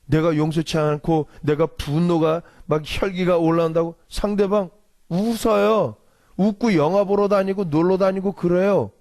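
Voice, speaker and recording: A man who is a pastor, delivering an animated sermon and acting out quarrels in a raised voice. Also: high-pitched, moderate pace. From Korea.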